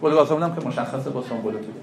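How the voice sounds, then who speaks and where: A man's voice: medium pitch, gravelly, reverberant, a little hiss or hum. A man teaching a class on traditional medicine, lecturing animatedly and asking his students questions that he answers himself.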